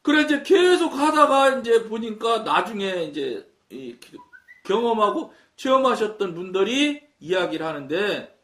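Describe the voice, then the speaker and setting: A male pastor with a high-pitched, fairly bright voice gives a sermon in a Chungcheong Korean accent; he is from Chungcheong, Korea. He narrates his own story, performing the dialogue, and the audio comes from a distant mic in an echoey room.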